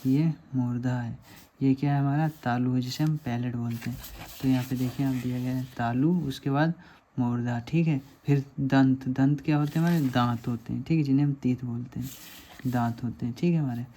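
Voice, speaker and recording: A man's voice: mid-range voice, steady tone, moderate pace, dark tone, a little hiss or hum. A man teaching a lesson over diagrams, patiently asking questions and answering them himself.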